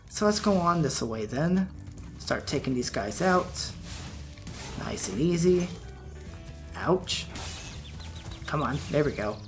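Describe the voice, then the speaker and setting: A man giving relaxed, chatty commentary while playing a video game, his voice wearing out. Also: fairly high pitch. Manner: relaxed, chatty, laughs at his own mistakes. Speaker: let's play gamer. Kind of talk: casual gameplay commentary.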